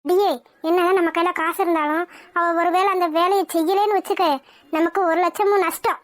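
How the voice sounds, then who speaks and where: Woman voicing a scolding, conspiratorial cartoon mother, pitched below the others. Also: fairly even intonation, brisk, no echo, studio quality. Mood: plotting. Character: scheming middle-aged mother, bitter and plotting. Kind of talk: cartoon voice acting.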